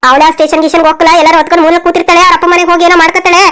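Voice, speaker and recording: Voiced by a woman, a scheming older mother-in-law from a cartoon speaks in a very high, shrill voice and races through her words. She is sly and scolding, always plotting behind the family's back. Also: little pitch movement, racing, a bit bright. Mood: dismissive.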